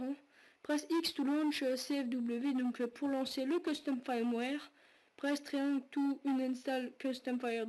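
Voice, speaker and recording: High-voiced chatty tutorial woman. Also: darkish tone. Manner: chatty, many fillers and quick self-corrections. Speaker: tutorial host. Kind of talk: casual screen-recorded tech tutorial.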